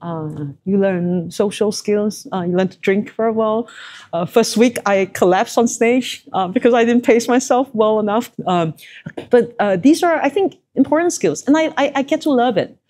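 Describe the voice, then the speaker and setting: A middle-aged former executive from Southeast Asia answers interview questions reflectively and conversationally, with frequent fillers. Her voice is slightly high and darkish in tone, at a normal speed.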